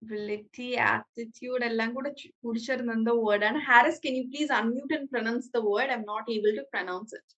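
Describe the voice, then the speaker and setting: A woman's voice: fairly high pitch, steady tone, slow pace, few pauses, a bit bright, low-quality recording. A woman with a Malayali accent teaching an online English class over a video call, mixing English and Malayalam with frequent hesitations. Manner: switches between English and Malayalam, hesitant fillers.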